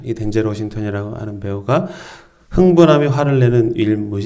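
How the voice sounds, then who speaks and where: A man's voice: medium pitch, warm tone. A middle-aged male pastor preaching a sermon, telling a story with emphatic, varied delivery.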